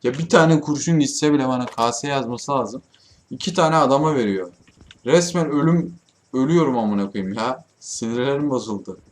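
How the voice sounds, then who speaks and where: A young man casually commenting on his own shooter gameplay, swearing often and yelling at his teammates in frustration. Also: mid-range voice, brisk. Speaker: gaming YouTuber.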